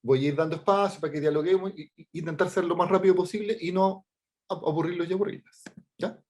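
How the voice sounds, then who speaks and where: A middle-aged Chilean man, an artist and teacher, speaks in a high, steady voice with a darkish tone, with slight background noise. He presents his work informally over a video call as a workshop talk, halting and full of fillers and restarts, and keeps checking in with "¿ya?".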